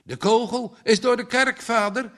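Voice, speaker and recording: Storybook young man, joyful and triumphant, put on by a male reader; slow, bright delivery. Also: high voice, sing-song, exaggerated voice. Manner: cheerful, triumphant. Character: happy young man in love.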